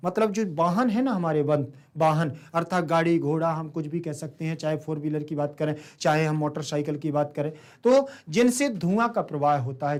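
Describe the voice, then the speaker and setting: A man with a Hindi-speaking Indian accent, teaching a Sanskrit lesson. He asks his students questions and then answers them himself. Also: a little high.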